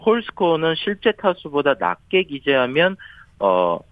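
A man's voice: on the high side, very animated, a little slow, no echo, phone-quality sound. A man giving a formal scripted golf report in a golf commentator's manner, stumbling now and then. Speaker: sports newspaper reporter, golf correspondent. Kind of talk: scripted golf news report, play recap.

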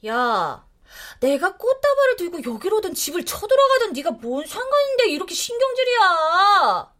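A woman performs a sly, needling young female lecturer in an audio drama. Her voice sits very high and swings widely. She teases and provokes without letting up. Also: big pitch swings, moderate pace, full character voice. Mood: mocking. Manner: teasing, needling, turns to shrill panicked shouting.

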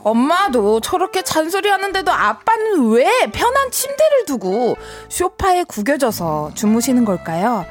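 A woman's voice: sits high, wildly swooping pitch, unhurried, few pauses, faint music behind. A woman narrating a comedic sketch in a wry, playful way. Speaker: narrator and daughter.

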